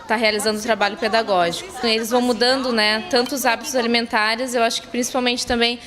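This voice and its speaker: Woman teacher, flat tone. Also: on the high side, fast talker, in a large hall. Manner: explanatory, uses tag question "né". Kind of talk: interview soundbite.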